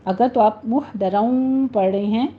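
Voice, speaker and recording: A woman teaching a recitation lesson, patiently explaining rules step by step and slowly modelling the words. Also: a little high. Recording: slightly muffled recording with faint noise.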